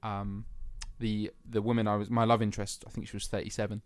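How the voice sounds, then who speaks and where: A man's voice: fairly low pitch, little pitch movement, quick pace, darkish tone, no echo. A young man from England, chatting casually on a podcast, laughing easily and using plenty of fillers. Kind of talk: casual chat.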